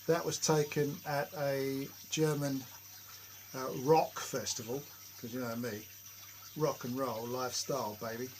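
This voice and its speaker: A man's voice: medium pitch, fairly even intonation, unhurried, slight background noise, low-quality recording. A man vlogging casually from his home workshop shed, telling jokey, self-mocking stories to the camera. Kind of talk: casual rambling chat to camera.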